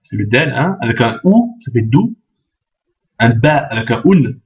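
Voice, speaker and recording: A man's voice: medium pitch, sing-song, a little slow. Patient man teaching a lesson, lo-fi sound. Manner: patient, repeats each point, checks with "d'accord?". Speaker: Arabic teacher. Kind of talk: step-by-step language lesson. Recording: dull lo-fi sound.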